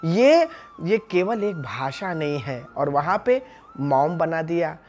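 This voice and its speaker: A male religious teacher delivers a devotional discourse in a slightly high, somewhat mellow voice, very animated yet taking his time, with slight background noise. Calling his listeners friends and posing rhetorical questions, he explains Hindi sounds by voicing each syllable one at a time to make his point.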